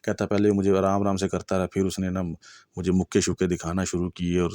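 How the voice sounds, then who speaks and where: A man with a Punjabi accent and a very low, deep voice tells a spooky true story. He keeps it chatty and conversational, often checking that the listener is following. The sound is close and dry, with no room around him. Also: monotone, mellow, no echo. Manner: conversational, chatty, full of checks like "okay?" and "you know". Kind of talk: storytelling a true horror tale.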